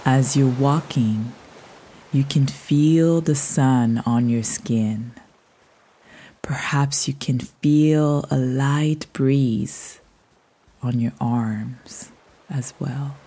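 Meditation guide, female. Very deep, mellow, hushed delivery, unhurried soothing countdown pacing that drifts toward a whisper. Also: slight background noise. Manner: slow, soothing, hushed, trailing into near-whisper. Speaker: meditation podcast host and guide. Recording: soft music behind the voice. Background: soft music.

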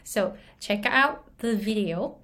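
A middle-aged Japanese woman coaches English pronunciation in a casual video lesson, speaking at a mid-range pitch and extremely slowly. She tells stories animatedly and switches between Japanese and English.

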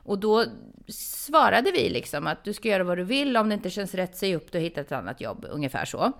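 A woman co-hosting a podcast, chatting casually and reading out a listener's message with lively warmth. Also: mid-range voice. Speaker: podcast co-host. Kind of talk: casual chat.

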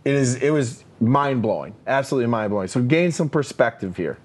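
A man's voice: medium pitch, fairly quick, breathy edge. Man, leadership podcast co-host, emphatic, filler-heavy, casual chat. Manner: energetic, emphatic, lots of fillers and "right?" tags.

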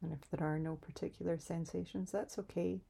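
A woman leading a calm guided grounding exercise in a soft, soothing, unhurried way, pausing between instructions. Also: lowish voice, creaky, breathy edge. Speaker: meditation guide.

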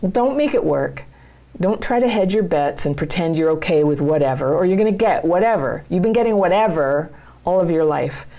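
A woman's voice: fairly low pitch, lively intonation, brisk, warm tone. A middle-aged woman hosting her own channel, speaking straight to her viewers as a coach with earnest, plain-spoken encouragement. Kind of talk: direct-to-camera advice talk.

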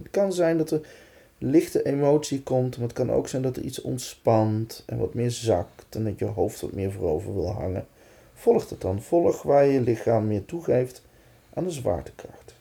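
A man leads a guided relaxation in a soothing, reassuring manner. His mid-pitched voice is soft-edged and mellow, with plenty of gravelly fry. He gives short, gentle instructions and leaves room between them. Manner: calm, soothing, reassuring, with pauses. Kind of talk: guided breathing and body-awareness exercise.

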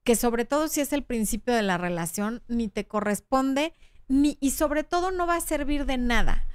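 Reading out viewer comments on her relationship advice show, this woman in her thirties speaks frankly and chattily with a Mexican Spanish accent, voicing the quotes in character. She sounds a little high and smooth, captured in a dry recording.

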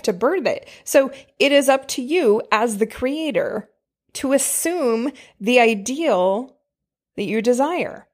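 Emphatic woman podcast host. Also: on the high side. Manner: chatty, emphatic, addresses listeners with pet names. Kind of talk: spiritual self-help podcast talk with read-out book passages.

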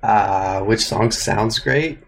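Low-voiced young Canadian man, relaxed. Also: very slow, breathy edge, rough recording. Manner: relaxed, thinks aloud with many fillers. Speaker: music producer guest. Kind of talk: casual interview answers.

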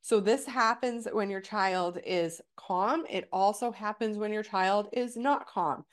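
A woman's voice: medium pitch, measured pace. A woman hosting a parenting podcast, explaining in a casual teaching way with many "right?" check-ins, her voice stuffy and nasal from a cold.

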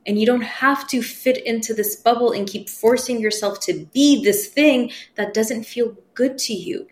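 At a moderate pace, a woman with a slightly high voice recounts personal stories as a podcast guest. A spiritual medium in her 30s whose language was Farsi, she laughs readily and imitates the voices she quotes in this relaxed interview.

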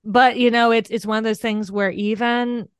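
Animated woman podcast host, dry sound. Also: on the high side, moderate pace, smooth, no echo. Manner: animated storyteller, self-deprecating, laughs often. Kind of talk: casual interview chat.

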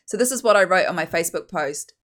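A woman with a slightly low voice and a broad Kiwi accent hosts a casual solo podcast. She talks bluntly and with emphasis, making her opinions plain as she chats to listeners. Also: expressive, quick pace, a bit bright. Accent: broad New Zealand. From New Zealand. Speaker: podcast host.

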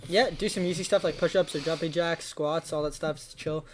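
A young man hosting a casual podcast from a small studio, reading out listener questions in a relaxed way. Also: fairly high pitch, a little fast, a little hiss or hum. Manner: laid-back, reads out listener questions. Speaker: podcast host. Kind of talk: casual chat.

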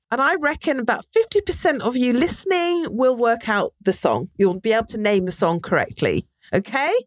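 A woman's voice: fairly high pitch, dry recording. A woman presenting a conversational explainer, speaking straight to the listener and posing rhetorical questions, recorded on a close microphone. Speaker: marketing trainer and presenter.

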